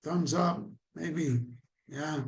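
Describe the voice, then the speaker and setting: His voice is a little high and gravelly, and he draws out his words. Teaching an online training with a Caribbean Spanish accent, he chats with listeners, asks them questions, and repeats things to stress them.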